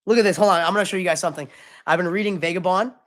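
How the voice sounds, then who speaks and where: A man's voice: high-pitched, racing, fairly bright tone. A young man streamer chatting casually with his live chat, loose and slangy, often apologizing.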